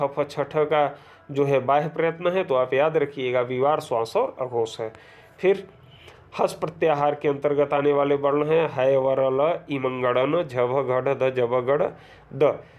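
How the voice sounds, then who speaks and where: A man's voice: fairly high pitch, a little mellow. A man with a somewhat raised voice teaches an exam-prep grammar lesson from a close mic. He reads out rules, lists letters one by one, and keeps checking whether his students have followed. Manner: explains step by step, often checks "clear?".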